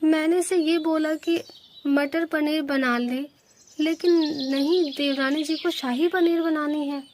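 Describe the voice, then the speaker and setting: A woman's voice: high voice, steady tone, measured pace, slight background noise. A woman voicing a quarrelsome female sparrow, the elder daughter-in-law in a cartoon. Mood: arguing. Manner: argumentative.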